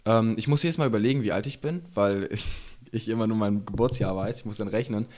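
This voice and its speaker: This man in his twenties, an enduro rider from Saxony-Anhalt in eastern Germany, appears as a podcast guest and chats casually, rambling, laughing a lot and dropping slang. His voice is fairly low and a little mellow, and he talks fast.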